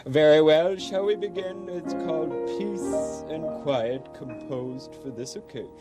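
A man voicing a pompous puppet king for children's television, formal and self-satisfied, speaking in a stately, booming royal manner. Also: a little slow, recorded from a distance, over music, natural voice. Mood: regal, brisk.

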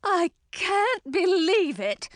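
A woman's voice: extremely high pitch, big pitch swings, slow pace, dry recording, studio quality, voice pushed up, full character voice. A woman voicing a haughty, indignant middle-aged queen who sounds affronted and snappish. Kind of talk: audiobook character voice.

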